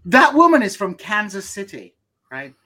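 A man hosting a casual online chat, quick and jokey as he shares a clip. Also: high-pitched, wildly swooping pitch, sharp tone. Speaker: podcast host.

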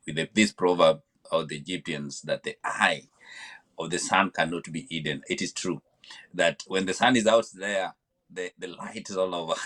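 Man, Kenyan accent, very deep voice, podcast guest, halting and repetitive delivery. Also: a bit bright. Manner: hesitant, often repeats words while searching for them. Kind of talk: reflective interview storytelling.

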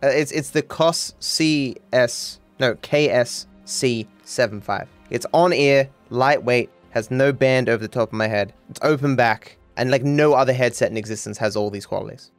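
A man's voice: medium pitch, normal speed, hardly any pauses, faint music behind. A man in his thirties hosting a casual podcast chat, rambling and swearing freely with frequent laughs. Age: 30s. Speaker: podcast host.

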